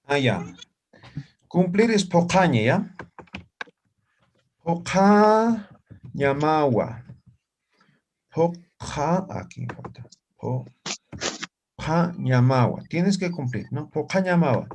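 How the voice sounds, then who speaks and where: A male language teacher on a video call, with a mellow, warm voice and a faint hiss behind him. He is patient and slows down to spell out words, then checks often that his students follow. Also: on the high side, lively intonation. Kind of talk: live online class.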